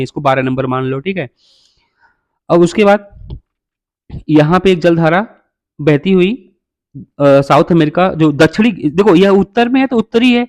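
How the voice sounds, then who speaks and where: A man teaching a geography lesson from a map in a fairly high voice, asking his students a question and then answering it himself. He runs through every item by number over and over and calls the listeners brother. The close mic sounds dry, with no room echo. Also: darkish tone. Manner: repetitive, drills names by number.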